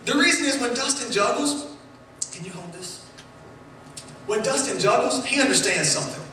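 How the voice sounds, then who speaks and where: A man delivers a sermon with a high, bright voice, his words ringing around a roomy church hall. The mic sits some way off from him. He keeps things playful and animated, joking with the people in front of him. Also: moderate pace, distant mic, slight background noise. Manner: playful, animated, jokes with the congregation. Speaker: pastor. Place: church sanctuary.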